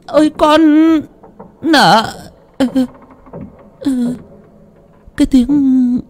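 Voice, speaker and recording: A man playing a wailing shrill village stepmother. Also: full character voice. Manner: drawn-out wailing lament. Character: scheming village stepmother, middle-aged, fake-wailing.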